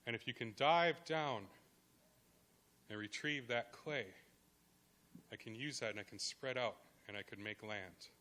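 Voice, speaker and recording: A man voicing a calm commanding Creator spirit. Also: medium pitch. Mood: instructive. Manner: measured and deliberate.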